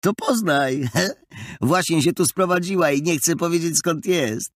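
A man voicing a loud, mocking teenage boy bully in an audiobook, with jeering sing-song taunts. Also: fairly high pitch, a little slow, no room sound, studio quality, voice pushed up.

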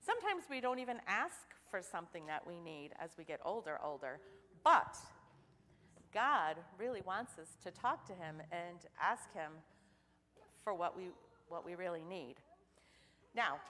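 A young woman giving a children's sermon in church, asking the children questions in an animated way. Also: mid-range voice, a little slow. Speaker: children's message leader. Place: church sanctuary. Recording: church hall reverb.

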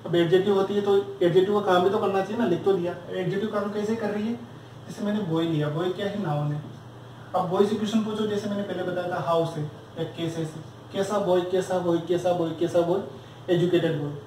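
A man's voice: high-pitched, fairly even intonation, a little fast, darkish tone, a little hiss or hum. A man teaching a grammar lesson for exam preparation, drilling students with repeated questions and answers. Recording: very echoey room, far from mic.

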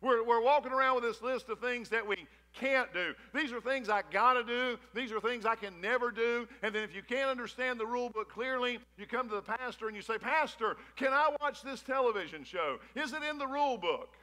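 Energetic bright-voiced male pastor. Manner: reads scripture slowly and low, then preaches with rising energy. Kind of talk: sermon. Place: large church stage with wood-slat wall. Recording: church hall reverb.

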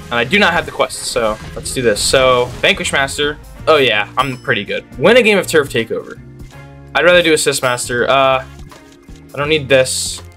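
A young man giving gameplay commentary as a channel host, ranting in exasperation and bursting into loud disbelief. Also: mid-range voice.

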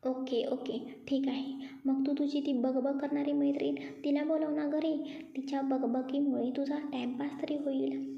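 A woman's voice: high voice, level tone, normal speed, gravelly. A woman voicing a cocky, bossy young man who likes to tease, in a story. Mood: teasing. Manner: mocking, bossy. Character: cocky teasing young man, a rich boss. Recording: dull echoey room.

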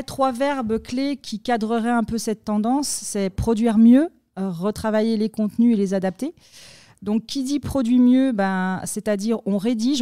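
A woman explaining content marketing on a podcast in a measured way, with many fillers. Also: on the high side, warm tone, smooth, no room sound, studio quality.

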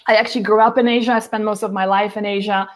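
A woman in her forties, a nutrition author, talks quickly in a mid-range voice with little pitch movement during a casual video call interview, with slight background noise. She's home by a window with plants behind, chatting with lots of fillers and restarts.

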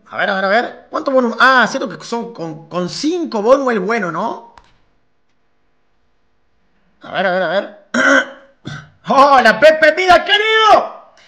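High, bright young Argentine streamer. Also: male voice. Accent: Argentine Spanish. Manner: reads chat aloud, slangy and chummy. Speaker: slots streamer. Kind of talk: live stream chat. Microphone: new microphone.

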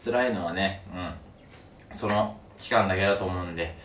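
A young man chatting casually to camera in an animated storytelling way, his mouth sore after having wisdom teeth pulled. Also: deep voice, normal speed. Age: young adult. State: mouth sore two days after wisdom tooth removal. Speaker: video creator. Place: small room at home, indoors. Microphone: camera a few steps away. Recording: roomy, distant mic, some noise.

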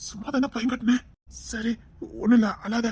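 A woman's voice: on the high side, steady tone, a little fast, darkish tone, husky. A woman voicing a possessive young male hero. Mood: soothing. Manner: teasing then coaxing, intense and possessive. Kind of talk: amateur audio drama acting.

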